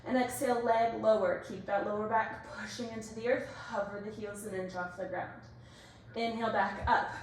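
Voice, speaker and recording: A woman leading an exercise class as instructor, giving brisk, directive cues and counts in short imperative phrases. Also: medium pitch, fairly even intonation. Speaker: workout instructor. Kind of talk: exercise class coaching, cueing moves and counts. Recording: echoey room, distant mic, faint noise.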